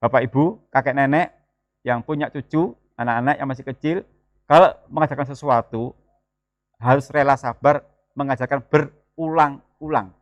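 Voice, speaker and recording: A man, preaching a sermon in a lively, joking way and mixing in words. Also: mid-range voice, normal speed, no room sound. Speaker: pastor. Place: church.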